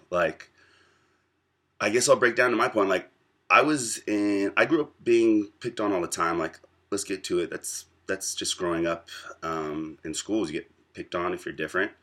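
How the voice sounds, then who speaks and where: Young guy in his 20s vlogging, low voice with a forceful edge, stops and thinks a lot between bits. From United States. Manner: reflective, pausing often between thoughts. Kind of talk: casual storytelling to camera.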